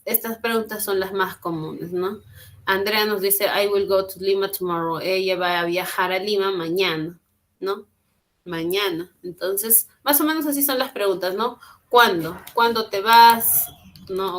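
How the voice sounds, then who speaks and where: This woman's mid-range voice has a fairly bright tone as she leads an online English lesson through her computer microphone on a video call. Patient and encouraging, she repeats phrases and offers translations.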